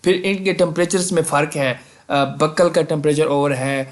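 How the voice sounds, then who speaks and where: A man casually explaining medical college exam formats to students, often asking "theek hai" and mixing in English terms. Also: fairly high pitch. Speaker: medical admissions advisor on a video channel.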